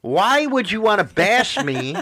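Guy hosting a podcast, teasing and swearing, voice jumps all over, pretty bright and sharp. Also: high-pitched, a little slow. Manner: animated, teasing, profane. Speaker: podcast host. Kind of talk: casual podcast banter.

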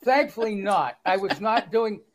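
A man with a high-pitched, animated voice speaks at a measured pace. He's an author from Boston, judging by his accent, reading his own story and chatting in a casual interview with self-deprecating good humor and plenty of fillers.

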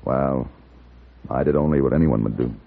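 An actor playing a calm, steady gunfighter who narrates in a measured, deliberate way, in a 1950s radio drama. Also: male voice, extremely low pitch, gravelly. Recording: tinny old radio broadcast with music.

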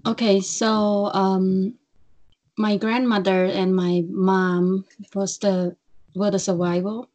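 A young woman from Cambodia, speaking English. She is a guest on a podcast interview and talks softly, in a halting way with pauses. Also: mid-range voice, level tone, low-quality recording. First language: Khmer. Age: young adult.

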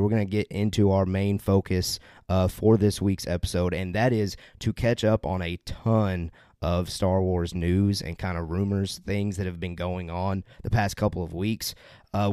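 Low-voiced man hosting a podcast. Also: a little mellow, dry recording, clean studio sound. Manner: upbeat, rambling plugs and self-corrections. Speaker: podcast host. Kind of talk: casual podcast chat.

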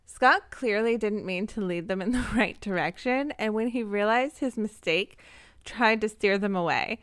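A woman's voice: mid-range voice, normal speed, clear, resonant tone, dry recording. Woman reacting on a dry-sounding podcast. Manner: reacts with disgust and asks questions. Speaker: podcast co-host. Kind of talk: casual true crime podcast chat.

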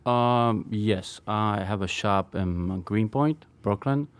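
Halting Polish-accented man, low voice. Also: clear, resonant tone. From Poland. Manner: hesitant, halting, many ums. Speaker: knife maker guest. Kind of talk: studio interview.

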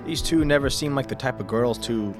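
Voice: medium pitch, brisk, music in the background, close to an everyday voice. Formal, probing police investigator played by an actor. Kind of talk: dramatized true crime audio drama.

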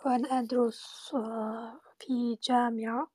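Young woman student, slow and halting, soft sleepy tone, a bit high, dry sound. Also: flat delivery, breathy edge, dry recording, poor audio. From Turkey. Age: 20s. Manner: hesitant and halting, searching for words. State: sleepy, speaking softly. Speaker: student learner. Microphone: phone in an audio chat app.

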